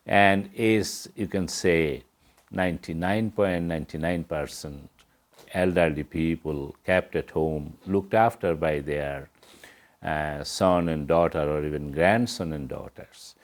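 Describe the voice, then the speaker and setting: As an interview guest, a middle-aged Bangladeshi man gives earnest, plain-spoken answers in English with non-native grammar. He talks slowly in a bass voice.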